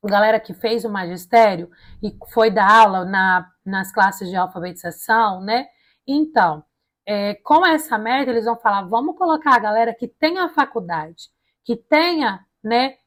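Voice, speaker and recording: A Brazilian woman lecturing informally, with tongue-tied, slightly slushy s sounds, asking and answering her own questions and checking in with listeners. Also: on the high side. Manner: colloquial, asks and answers own questions, frequent check-in tags. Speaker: teacher preparing students for a public service exam. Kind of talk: informal lecture explaining an education plan point by point.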